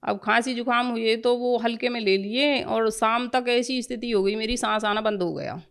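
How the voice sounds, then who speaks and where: A woman's voice: a little high, steady tone, moderate pace, clear, resonant tone. A woman giving an earnest, emotional personal testimony in plain colloquial speech.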